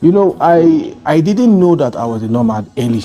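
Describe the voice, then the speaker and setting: Soft music plays behind this Nigerian interview guest as he earnestly rambles through his travel story, frequently starting over. He speaks at normal speed in an animated, mellow, somewhat high voice, and the conversation is casual.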